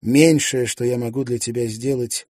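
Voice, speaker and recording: A man voicing a lonely young gentlewoman who speaks gently but decisively, in an audiobook. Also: medium pitch, fairly even intonation, normal speed, breathy edge, no room sound, studio quality, voice pushed up, close to an everyday voice. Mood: earnest kind. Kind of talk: audiobook character voice.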